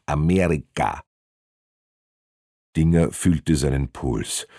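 Deep-voiced man narrating a novel. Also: animated, a little slow, dark tone, no echo, studio quality. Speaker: audiobook narrator. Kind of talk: scripted narration.

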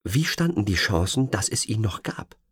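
A deep, low male voice narrating an audiobook with lively, wide-ranging intonation. The reading is suspenseful and expressive. The recording is dry and close, with no room sound. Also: moderate pace, husky, no echo. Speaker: audiobook reader.

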